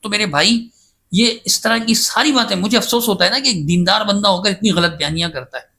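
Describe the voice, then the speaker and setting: A man whose voice sits high, gravelly and bright, speaks in a forceful tone. He's a guest scholar on a podcast, insistent and emphatic as he defends himself at length in casual, debate-style interview talk.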